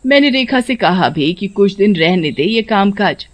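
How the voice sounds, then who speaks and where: A woman's voice: mid-range voice, expressive, normal speed, lightly acted. A woman voicing a cruel middle-aged mother-in-law who scolds harshly. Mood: scolding. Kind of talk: storybook voice acting.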